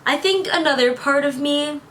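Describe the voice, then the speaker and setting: A woman's voice: sits high, moderate pace, fairly bright tone, slight background noise. A woman of twenty-one, holding back tears as she rambles to her camera in a casual vlog. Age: 20s. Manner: tearful, rambling and self-reassuring. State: teary, on the verge of crying. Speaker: vlogger.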